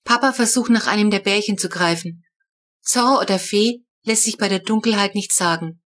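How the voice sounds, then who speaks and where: A woman narrating a children's audiobook in the first person, with a lively, wry telling. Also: medium pitch, normal speed.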